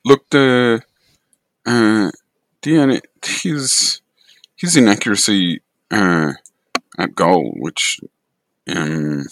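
An Australian man co-hosting a casual sports discussion on an online call, measured and hesitant as he searches for words. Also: on the low side, a bit bright, dry recording. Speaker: sports podcast co-host. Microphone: online call microphone.

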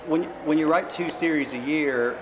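Against clearly noisy surroundings, an American novelist chats informally about his work during an interview, wandering as he goes. His voice is on the high side and he speaks at a normal speed.

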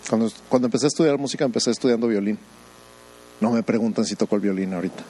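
Preaching a sermon, a pastor fires rhetorical questions at his congregation, breaks off into humorous asides, and acts out the voices of doubters in quoted bits. His voice is fairly low and warm, and he talks rapid-fire. The audio quality is poor.

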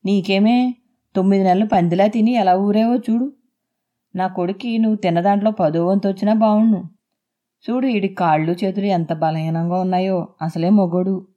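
A woman's voice: mid-range voice, brisk, warm tone, lightly acted. A woman reading aloud voices a harsh, mocking young husband who bullies his wife. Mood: scornful. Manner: mocking and bullying. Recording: dull lo-fi.

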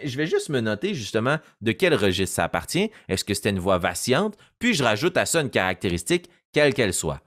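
A man's voice: lowish voice, no room sound, studio quality. A man, a game master giving a casual tutorial on creating character voices and demonstrating as he goes. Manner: animated, demonstrates voices as he explains. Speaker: game master teaching voice acting.

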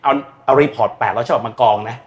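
A man's voice: mid-range voice, steady tone, fast. A man talking as a guest expert on energy and climate in casual, blunt, slangy speech, acting out quoted voices. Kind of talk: casual explanatory talk.

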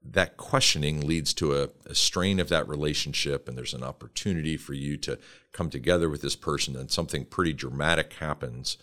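Male host, extremely deep voice, measured and formal, podcast interview. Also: fairly bright tone. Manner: measured, formal, preacherly phrasing.

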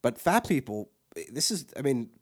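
A man's voice: medium pitch, sing-song, moderate pace, breathy edge. A man co-hosting a podcast, ranting crudely and profanely, with frequent restarts and repeated words. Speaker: podcast co-host. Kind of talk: crude comedic rant.

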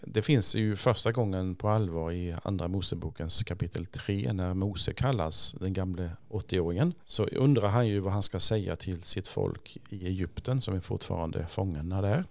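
Gravelly low-voiced priest explaining scripture. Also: male voice, no echo. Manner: thoughtful, explains slowly with pauses and repeats. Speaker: priest and Bible teacher, podcast guest. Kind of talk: explanatory podcast talk.

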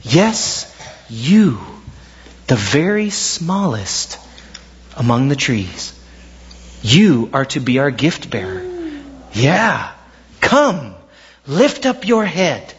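A man voicing a gentle angel in a Christmas story, speaking low and half-whispered. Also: sing-song, drawn-out words, long pauses, breathy edge, lo-fi sound, exaggerated voice. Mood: tender. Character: gentle tender angel, soft and kind.

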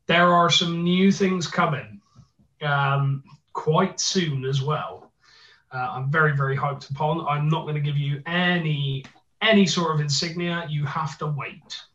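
Gruff bristol bloke doing jokey podcast chat, kinda far from the mic, dull echoey sound. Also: male voice, fairly high pitch, fairly even intonation, unhurried, bright, forceful tone. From Bristol, England. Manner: jokey, playful. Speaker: podcast co-host. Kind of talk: casual chat, plugging and bantering. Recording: roomy echo, distant mic, slightly dull.

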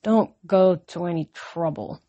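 A woman's voice: on the low side, measured pace, mellow, muffled recording. A woman voicing Percy, a flustered, earnest teenage boy who protests and pleads. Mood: awkward.

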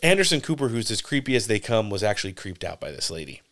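A man's voice: lowish voice, big pitch swings, quick pace, a bit bright. A man co-hosting a podcast, giving brash, opinionated political commentary and swearing freely. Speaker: podcast co-host.

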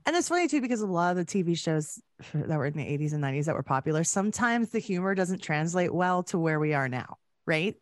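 Quick and lively, with a fairly low pitch, a Canadian woman hosts a podcast. She's having an easygoing, chatty interview with a guest.

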